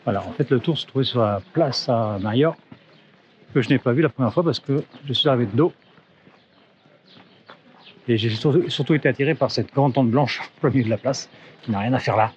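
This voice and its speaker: Man, casual travel vlog, chatty with restarts, outdoor handheld camera mic, muffled sound, loud outdoor noise. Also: mid-range voice, a little fast, long pauses. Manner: chatty, thinks aloud with many fillers and restarts. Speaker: travel vlogger. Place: outdoors in town streets and on a bridge. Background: outdoor ambience and wind.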